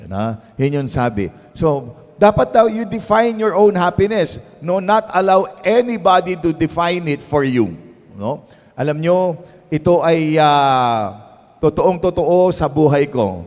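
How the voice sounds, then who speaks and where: A Filipino priest preaches in a relaxed, storytelling way, slipping between Tagalog and English and asking "no?" every few lines. His voice sits a little high for a man. The sound carries a long reverb tail from a large hall. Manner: mixes Tagalog and English, tags phrases with "no?"; storytelling, conversational. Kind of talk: sermon at a prayer meeting.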